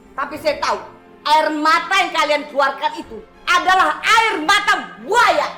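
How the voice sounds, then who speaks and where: A woman's voice: extremely high pitch, bright, forceful tone, reverberant. A woman dubbing a scornful, scheming middle-aged mother in a TV drama, accusing and insistent. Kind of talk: dubbed TV drama.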